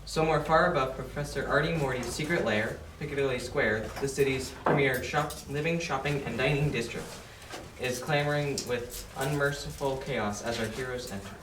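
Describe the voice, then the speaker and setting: A man's voice: medium pitch, normal speed, natural voice. A theatrical narrator played by a man delivers scripted storytelling for a detective comedy. He has a midrange voice, heard at a distance in a roomy space with faint noise. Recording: echoey room, distant mic, faint noise.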